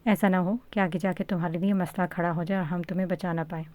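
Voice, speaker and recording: A woman's voice: on the low side, steady tone, phone-quality sound, close to an everyday voice. Storybook: woman reading strict elder male cousin, firm, scolds.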